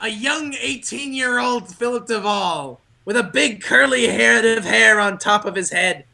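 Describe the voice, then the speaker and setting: Bright-voiced, wry male podcast host. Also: sits high, unhurried, gravelly. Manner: dry, joking, wry. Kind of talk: casual chat.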